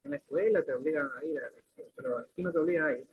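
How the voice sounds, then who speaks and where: A man's voice: on the high side, animated, rapid-fire, slight background noise. A man teaching a class, explaining points with questions and everyday examples, often restarting his sentences. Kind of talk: classroom lecture. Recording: lo-fi phone-like recording.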